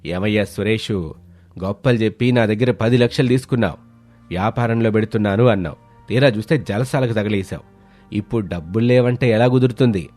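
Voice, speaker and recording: A man voicing a grim male moneylender who scolds and mocks in a low, slow voice, for an animated story. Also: soft background music, close to an everyday voice. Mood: scornful. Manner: scolding, mocking.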